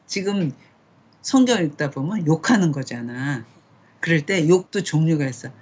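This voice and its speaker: A woman's voice: low-pitched, animated, moderate pace, darkish tone, slightly rough. A middle-aged woman casually teaching a Bible study at home, asking questions and reading scripture aloud. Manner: conversational, asks questions, reads scripture aloud. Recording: dull lo-fi home recording.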